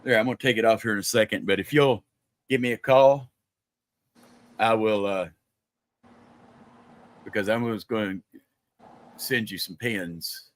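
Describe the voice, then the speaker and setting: A man's voice: fairly low pitch, unhurried, pauses often. An older man, a grandfather, chatting casually and telling stories on a livestream. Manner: chatty storyteller. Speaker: livestream panelist. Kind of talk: casual chat.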